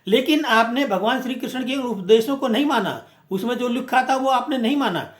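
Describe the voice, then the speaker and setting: A man with a high voice delivers a fiery, emphatic speech, leaning on rhetorical questions and repeated phrases. The sound rings with the echo of the room. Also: lively intonation, fairly quick. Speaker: movement speaker. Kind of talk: impassioned speech. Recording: echoey room.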